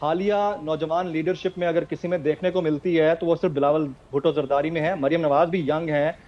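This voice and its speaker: A man's voice: fairly high pitch, little pitch movement. Man journalist on a muffled line. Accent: Pakistani Urdu. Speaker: journalist guest. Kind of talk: political analysis.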